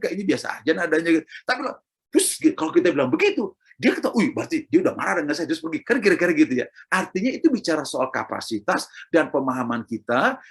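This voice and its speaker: A middle-aged man delivers a sermon with a slightly husky, breathy tone. His pitch swings widely as he drives points home and repeats himself. He speaks straight to his listeners. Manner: emphatic, repetitive, addresses listeners directly. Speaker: preacher.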